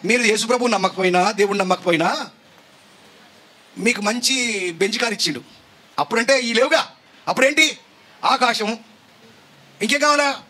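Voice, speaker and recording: High-voiced emphatic preacher man. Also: moderate pace, long pauses. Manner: emphatic, rhetorical questions, rising to shouts. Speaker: pastor. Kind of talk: sermon.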